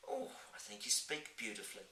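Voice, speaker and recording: A man voicing a small, polite, curious young girl, asking questions in a high, breathless way. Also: sing-song, normal speed, bright, forceful tone, slight background noise, full character voice. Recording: roomy, from a distant mic.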